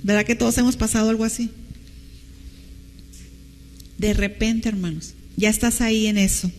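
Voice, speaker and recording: A woman's voice: a little high, steady tone, normal speed, darkish tone, in a large hall. A woman pastor with a Mexican Spanish accent, preaching a teacherly sermon and asking the congregation questions. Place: church hall with long reverb.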